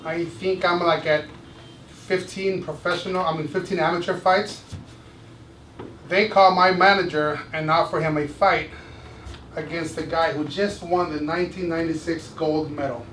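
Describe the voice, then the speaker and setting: A man with a fairly high voice tells stories to a small live group, animated and quick to laugh. He repeats himself for emphasis as he goes. He sounds far from the mic in an echoey room with steady noise behind. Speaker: motivational speaker and former boxer. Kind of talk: storytelling talk to a small group. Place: indoor room with a live audience.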